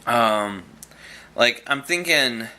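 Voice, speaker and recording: A young adult man vlogs in a loose, rambling way, chewing gum while he talks. His voice is medium-pitched, animated and sharp-toned, with drawn-out words, and he keeps restarting sentences and dropping in fillers.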